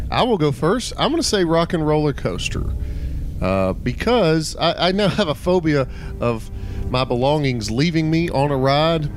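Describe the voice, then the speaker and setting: Lively man hosting a casual chat. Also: fairly high pitch, a little slow, pauses often, soft background music. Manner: lively, laughs often, leads the discussion. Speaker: podcast host.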